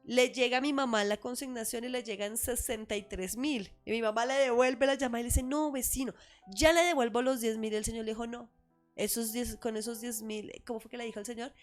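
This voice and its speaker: A woman's voice: on the high side, steady tone, brisk, soft background music. A woman retelling her mother's story as a testimony in a live church conversation, acting out the people she quotes. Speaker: church member giving testimony. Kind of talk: storytelling testimony in casual chat.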